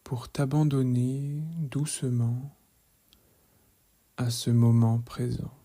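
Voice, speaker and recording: Leading a guided meditation for relaxation, a man keeps his medium-pitched voice soft and hushed, often lapsing into a whisper. He sounds calm and measured, instructing in a gentle way.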